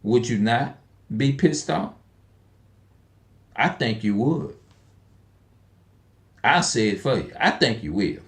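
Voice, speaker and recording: A man's voice: mid-range voice, expressive, takes it slowly, pauses often. A man in his forties speaking in an unscripted monologue, emphatic and repetitive, often restarting his sentences and asking rhetorical questions. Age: 40s. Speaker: online video speaker.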